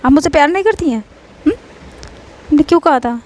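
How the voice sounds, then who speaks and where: A woman's voice: expressive, normal speed, darkish tone. Woman voicing a pouty, accusing young girlfriend. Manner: pouting, accusing, raised pitch. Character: flustered young woman, girlfriend quick to anger.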